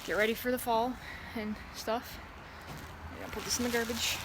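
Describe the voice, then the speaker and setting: A woman chatting casually to camera in a rambling, easily distracted way, outdoors beside a loud street. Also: a little high, steady tone, moderate pace. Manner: easily distracted, drifting between asides. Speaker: vlogger. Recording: outdoor traffic and ambient noise. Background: passing vehicles and outdoor ambience.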